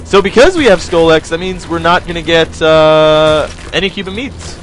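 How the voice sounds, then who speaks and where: On a rough recording, this young man's voice sits on the high side, fairly bright and at a moderate pace. As a gaming video host he gives loose, rambling commentary over his game, cracking jokes at his own expense and addressing viewers, with game music faintly audible.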